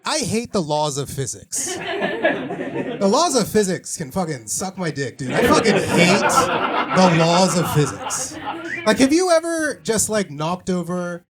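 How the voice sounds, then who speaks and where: High, animated stand-up man ranting. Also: unhurried. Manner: rambling, exasperated, swings into loud ranting. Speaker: stand-up comedian. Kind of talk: stand-up comedy set. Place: small comedy venue with live audience. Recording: live club recording with loud crowd. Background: loud audience laughter.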